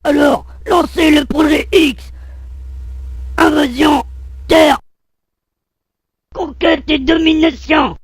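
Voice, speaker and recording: A man voicing a pompous, warlike alien leader giving imperious shouted orders in an animated short. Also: sits high, slow pace, pauses often, no room sound, clean studio sound. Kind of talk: amateur animated short acting.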